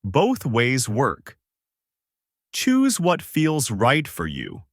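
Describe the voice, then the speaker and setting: A man teaching English, speaking slowly and very clearly with emphatic delivery. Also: medium pitch, huge pitch swings, dry recording, studio quality. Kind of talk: slow instructional narration.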